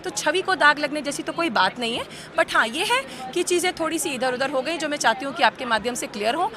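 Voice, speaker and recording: A woman representing a university, explaining herself to reporters in a measured way, mixing in English terms. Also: high voice, expressive, crowd noise. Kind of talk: press statement to reporters.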